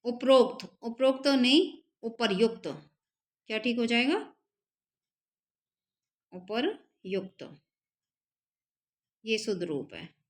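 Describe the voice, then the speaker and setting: A woman teaching an exam-prep spelling lesson, repeating each word slowly and carefully so students can copy it down. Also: fairly high pitch, animated. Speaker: Hindi teacher.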